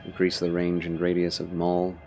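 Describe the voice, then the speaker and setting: A man's voice: sits low, completely flat delivery, normal speed. A man doing casual, playful live gameplay commentary as a streamer, in short muttered reactions. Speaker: game streamer. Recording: streamer voice over loud game music.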